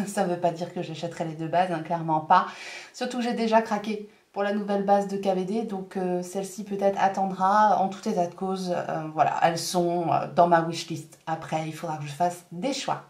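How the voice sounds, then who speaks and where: Chatty woman reviewing makeup. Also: mid-range voice. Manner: chatty, frequent fillers, reflective asides. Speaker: beauty vlogger. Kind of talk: casual product review chat.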